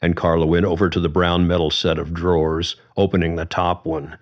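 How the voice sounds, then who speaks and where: A man narrating a story in a calm, measured reading. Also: sits low. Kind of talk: audiobook narration. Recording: dull lo-fi recording.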